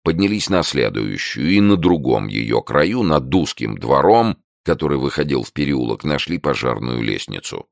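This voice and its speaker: Man, audiobook narrator, extremely deep, gravelly, dry close sound. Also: sing-song, normal speed, hardly any pauses, no echo. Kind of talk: first-person audiobook narration.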